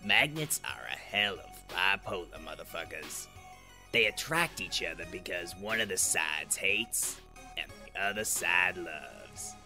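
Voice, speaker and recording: A man's voice: sits low, sharp tone, exaggerated voice. A man voicing a spaced-out young male clown who muses dreamily and swears. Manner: slow, dreamy, profane musings.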